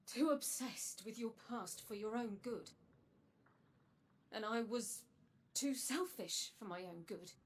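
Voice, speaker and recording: A guarded, mysterious stranger speaks calmly and earnestly in a husky, breathy voice. Her delivery is measured. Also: medium pitch. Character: mysterious machine-bodied woman, guarded and secretive.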